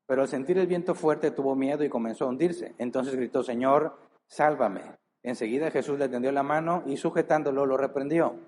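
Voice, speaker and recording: Reading scripture and then challenging the congregation with rhetorical question after rhetorical question, a pastor leans earnestly into key words with drawn-out emphasis. He has a medium, slightly mellow voice, and there's a bit of background noise.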